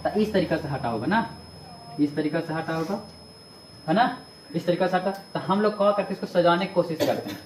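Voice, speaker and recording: A man's voice: on the high side, lively intonation, brisk. A male maths teacher, teaching a class in a lecture that asks questions and repeats the answers. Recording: echoey room, mic far off, faint noise.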